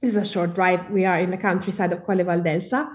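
A woman's voice: on the low side, steady tone, quick pace. Italian lady chatting as a guest, laughs easily, mic kinda far off. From Italy. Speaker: guest cookbook author. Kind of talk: casual interview chat.

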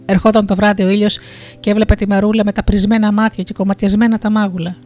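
A storyteller telling a traditional fairy tale in a steady, lilting rhythm at a middling pitch. Soft music runs faintly beneath the narration. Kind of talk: folktale narration.

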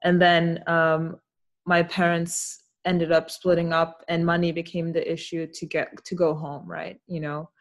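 On the low side and monotone, this young woman's voice moves at a measured pace as she hosts a podcast. The casual interview has her reflecting thoughtfully and laughing readily.

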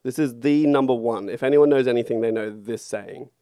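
A man's voice: mid-range voice, brisk, mellow, dry recording, clean studio sound. An Australian man co-hosting a podcast in casual chat, with blokey, sweary Aussie banter. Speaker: podcast co-host.

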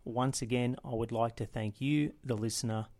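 Man, podcast host, measured formal delivery, middle pitch. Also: steady tone, darkish tone. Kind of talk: podcast hosting, scripted intro then interview.

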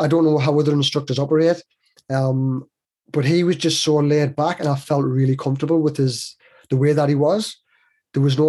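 A man in his forties tells stories as a guest, talking in a loose, rambling way. His voice sits a little high and has a husky grain. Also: darkish tone. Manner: chatty, rambling, with many restarts. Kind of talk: casual conversational storytelling.

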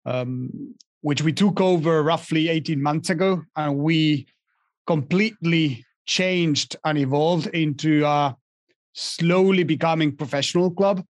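A man's voice: fairly high pitch, measured pace, no echo. A young man from Argentina, a guest in a casual interview, speaking with many restarts and fillers. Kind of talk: casual interview over a call.

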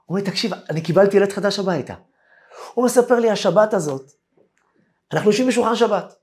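A man teaching a Torah lesson as a rabbi, telling a long story and acting out what each person said. His pitch jumps around a lot as he tells it, and he does the other people's lines himself. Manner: animated storyteller acting out quoted dialogue.

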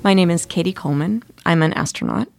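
A woman's voice: on the low side, quick pace, creaky, dry recording, clean studio sound, soft background music. A middle-aged woman from Massachusetts, a retired astronaut, telling her story in an enthusiastic, casual way.

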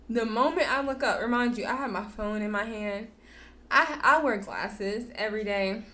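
A woman's voice: on the high side, fairly bright tone. Candid young woman telling a story. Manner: candid, repeats words for emphasis. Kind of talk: casual personal storytelling.

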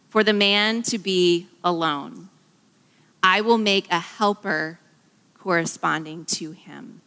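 A woman giving an enthusiastic Bible teaching, animated and emphatic, slowing down to read scripture. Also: mid-range voice. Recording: long reverb of a large hall.

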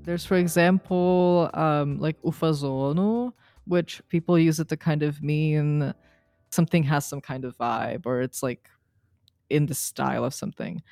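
A young woman from Serbia, a student, talking casually in an interview with many pauses and fillers. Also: low voice, vocal fry, dark tone, no room sound, faint music behind. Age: young adult. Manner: hesitant, many ums and likes. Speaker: guest, student researcher.

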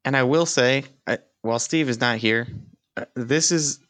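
A man's voice: mid-range voice, moderate pace, fairly bright tone, dry recording. A man co-hosting a podcast, chatting casually about fantasy sports in a laid-back, dry manner. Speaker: podcast co-host.

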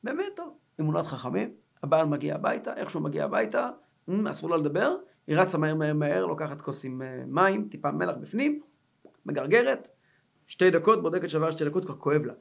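A middle-aged man, a rabbi giving a Torah lesson, animated and acting out stories as he teaches. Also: fairly high pitch, vocal fry.

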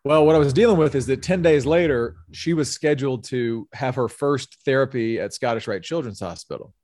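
A man's voice: mid-range voice, fairly quick, a little mellow, no echo, studio quality. Earnest man telling a personal story. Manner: earnest storytelling, with frequent repeated words. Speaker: guest, sales executive. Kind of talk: personal story in a podcast interview.

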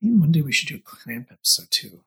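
A man co-hosting a podcast in casual chat, chiming in with quick, incredulous questions and laughter. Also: a little high, sing-song, pushed and bright. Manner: reacts with incredulous short questions. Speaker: podcast co-host.

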